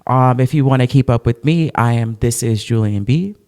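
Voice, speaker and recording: Young male podcast co-host, casual and animated, easy conversational sign-off. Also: mid-range voice, clean tone. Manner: chatty, animated, quick to laugh.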